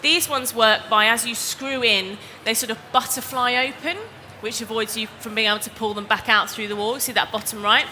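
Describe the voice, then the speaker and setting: A woman gives a chatty, step-by-step DIY demonstration on stage. Her voice is bright and a little high, and it echoes through a big exhibition hall with faint noise in the background. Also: steady tone, normal speed, few pauses. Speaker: DIY presenter. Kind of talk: live demonstration talk. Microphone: headset or lapel mic.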